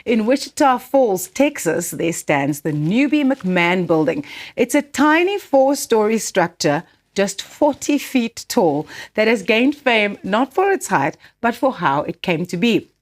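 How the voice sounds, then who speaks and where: A woman's voice: medium pitch, sing-song, a little slow. A woman with a South African accent co-hosting in a chatty way, bantering casually and telling stories. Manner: chatty, switches between Afrikaans and English. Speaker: radio or podcast co-host. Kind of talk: casual co-host banter and storytelling.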